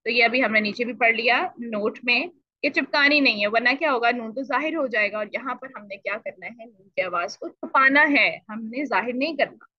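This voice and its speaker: A woman teaching Quran recitation in an online lesson, explaining patiently and repeating syllables to demonstrate, clearing her throat now and then. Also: fairly high pitch, normal speed, dry recording. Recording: dull lo-fi dry audio.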